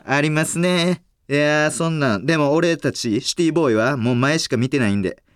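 A young podcast host with a Kansai accent chats casually, jokey and quick to laugh. His voice sits on the high side and sounds smooth, recorded dry and clean in a studio.

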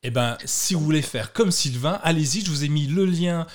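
A man's voice: fairly high pitch, moderate pace. Hesitant French man hosting a podcast. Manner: hesitant, many fillers and restarts. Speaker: podcast host. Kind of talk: casual tech podcast chat.

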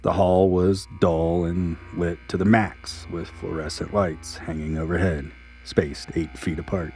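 A man with a very deep voice narrates a scripted horror story. His delivery is measured and ominous. Faint music plays underneath. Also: level tone, a little mellow.

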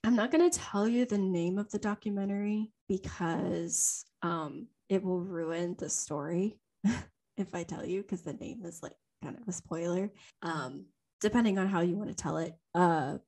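This podcast co-host is a young woman from Louisiana whose voice is on the low side, a little slow and a little mellow. She tells a story from memory casually and off the cuff, wandering along with lots of ums and laughs.

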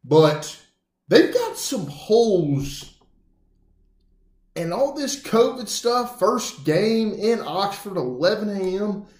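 A man co-hosting a sports podcast, animated, with mock-announcer asides in casual chat. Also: sits high, slow pace. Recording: roomy echo.

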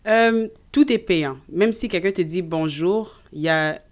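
A woman, a guest in a casual interview, telling lively anecdotes. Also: on the low side, unhurried, noisy background. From Canada. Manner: animated, tells anecdotes.

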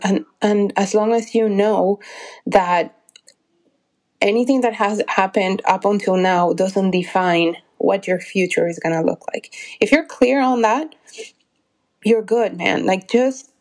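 A woman's voice: medium pitch, a little mellow. Earnest woman in her forties, encouraging. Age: 40s. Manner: earnest, encouraging, searching for words with restarts. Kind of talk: motivational solo talk.

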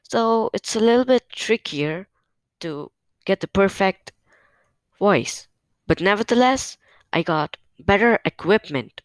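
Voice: medium pitch, lively intonation, slow, no room sound. Nervous hesitant podcast host at home. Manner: hesitant, many fillers and restarts, admits nervousness. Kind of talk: casual solo podcast update. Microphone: new podcast microphone on a stand.

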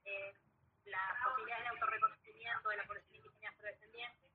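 A woman with an Argentine accent and a very breathy, husky voice, steadily describing activities as an interview guest. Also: mid-range voice, level tone, fast, slight background noise. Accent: Argentine Spanish. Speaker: guest academic. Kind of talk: conversational interview answer. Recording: tinny phone line.

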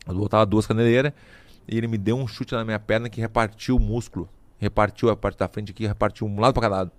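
A middle-aged man, a podcast guest telling stories in a casual, lively way. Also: fairly low pitch, fast, no room sound. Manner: lively, vivid storyteller who adds sound effects. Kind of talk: casual storytelling. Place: podcast studio.

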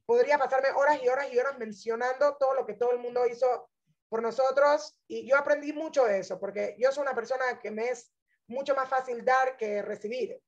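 A woman's voice: sits high, fairly even intonation, fairly quick, lo-fi sound. A woman religious teacher telling her personal testimony in an inspirational talk, earnest and emphatic, speaking straight to her listeners.

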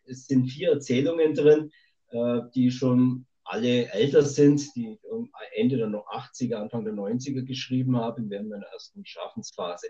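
A man's voice: mid-range voice, fairly even intonation, normal speed, mellow. A male author speaking over a remote satellite call line, talking in a rambling, thoughtful way with many hesitations. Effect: remote satellite call line, dull lo-fi sound. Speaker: author being interviewed. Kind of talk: remote podcast interview.

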